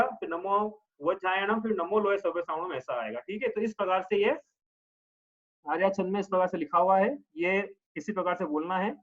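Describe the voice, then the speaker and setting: In lo-fi audio, a man with a slightly high voice teaches a religious lesson with patience, breaking it down step by step and checking in with listeners often. Verses are chanted slowly, stretched into a drawn-out tune.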